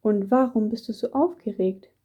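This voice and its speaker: A woman's voice: on the high side, moderate pace, mellow, breathy edge. A woman voicing a worried, caring young friend who asks questions in a raised voice. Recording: dull muffled recording.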